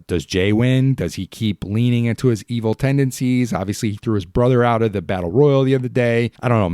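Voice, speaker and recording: A man's voice: lowish voice, a little mellow, clean tone, no room sound, studio quality. A man hosting a fan sports podcast, ranting in a heated, exasperated, pleading way. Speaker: podcast host.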